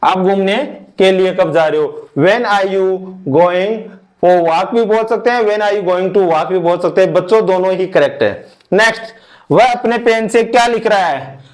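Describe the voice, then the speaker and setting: Guy teaching english grammar, high voice, talks real slow and says everything twice. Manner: slow, repeats each step, mixes English into Hindi. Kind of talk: online grammar lesson.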